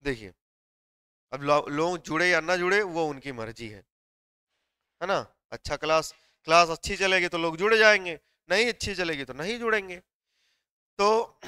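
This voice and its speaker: A man teaching a live online class, who explains step by step, puts questions to his students and dictates notes slowly word by word. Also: high voice, pushed and bright, clear, resonant tone, dry recording, clean studio sound.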